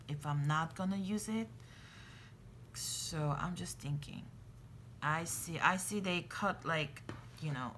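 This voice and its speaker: A woman vlogger talks casually to her viewers in a slightly low voice, full of fillers and restarts and quick to get excited. A faint noise sits under the recording. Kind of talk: casual chat to camera.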